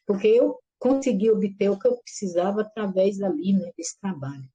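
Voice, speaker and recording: A middle-aged woman giving a lively personal religious testimony, acting out the voices in her story and calling her listeners brothers and sisters. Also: medium pitch, moderate pace, husky, muffled recording. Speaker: church member giving testimony.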